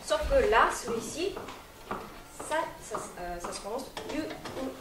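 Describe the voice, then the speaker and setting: A woman with a somewhat high voice leads a language class at a festival, speaking very slowly and repeating each word for students to say back. She sounds far from the mic, in a reverberant hall with an audience murmuring around her. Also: expressive, heavy background noise. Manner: slow, repeats words for the class to echo. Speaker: Japanese language teacher. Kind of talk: live classroom teaching.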